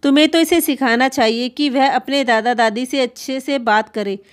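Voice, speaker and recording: A woman's voice: sits high, moderate pace, lightly acted. A woman playing a wronged, pleading grandmother. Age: older. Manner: plaintive, complaining, pleading. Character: aggrieved elderly grandmother, meek and tearful.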